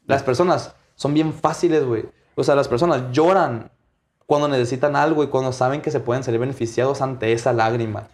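A man's voice: medium pitch, fairly quick, a little mellow. Blunt young Mexican man, opinionated chat. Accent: Mexican Spanish. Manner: blunt, opinionated, slangy, apologetic asides. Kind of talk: casual chat.

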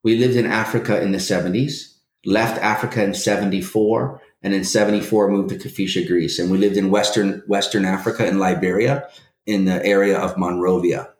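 A man's voice: sits low, steady tone, brisk, a little mellow, reverberant. A man in his forties, a guest in a casual interview, telling his life story with many restarts and hesitations. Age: 40s.

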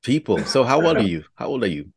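A man hosting an interview show, asking relaxed follow-up questions. He speaks at a middle pitch and keeps affirming his guest. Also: fast, gravelly, breathy edge. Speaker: podcast host.

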